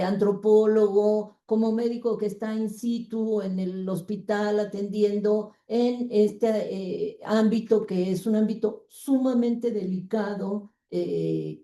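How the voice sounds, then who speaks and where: A woman, an anthropologist and seminar moderator, speaking in slow, measured comments. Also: mid-range voice, warm tone. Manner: slow, measured, praising remarks. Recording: roomy audio from far off the mic.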